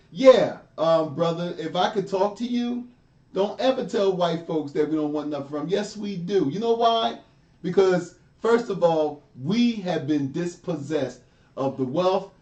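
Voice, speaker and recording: Blunt high-voiced man, echoey and off-mic. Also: far from the mic, highs cut off. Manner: blunt, forceful, colloquial. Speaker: co-host. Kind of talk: political commentary chat.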